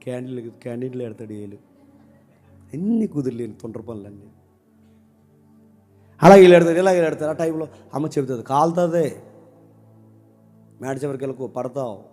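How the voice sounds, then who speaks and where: A male pastor preaching a sermon who swings between loud outbursts and hushed asides and keeps asking the congregation questions. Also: mid-range voice. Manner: asks the congregation questions and calls for replies.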